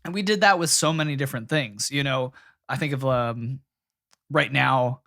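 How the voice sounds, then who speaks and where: A young man in casual conversation as co-host, leaning on "you know" and "like" as he talks. His voice sits at an ordinary middle pitch. It is recorded close and dry with no room sound. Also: normal speed, fairly bright tone, no echo. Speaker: podcast co-host. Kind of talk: casual chat.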